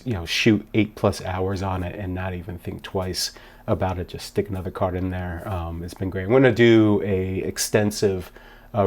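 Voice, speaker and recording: Low-voiced man rambling in a casual vlog. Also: a little mellow. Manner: rambling, upbeat, many fillers. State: out of breath. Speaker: wedding DJ vlogging a gig log. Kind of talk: casual vlog talk to camera.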